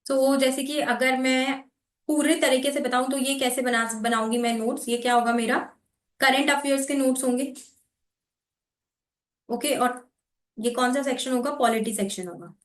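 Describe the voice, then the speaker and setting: A woman teaching exam preparation, explaining how to make notes and reading passages aloud slowly in a mix of Hindi and English. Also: high-pitched, roomy sound. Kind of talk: explaining note-making while reading aloud.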